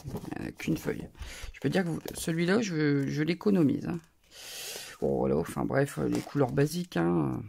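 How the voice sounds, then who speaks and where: A woman's voice: sits low, sing-song, moderate pace, vocal fry, warm tone, slight background noise. A woman with a northern French accent, chatting casually and rambling with frequent asides as she shows off her crafting purchases in a haul video. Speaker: crafting YouTuber.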